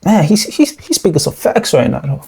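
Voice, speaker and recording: Mellow-voiced hyped man reacting to a video. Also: fairly high pitch, big pitch swings, a little fast, gravelly, breathy edge. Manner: hyped, slangy, talks to the viewers as "y'all boys". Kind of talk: casual reaction commentary.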